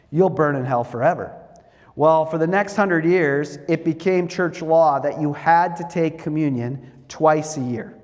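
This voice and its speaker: A middle-aged man giving a lecture, telling stories with a wry, animated manner. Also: on the high side. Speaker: guest lecturer. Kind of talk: storytelling lecture. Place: church sanctuary. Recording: long reverb of a church hall.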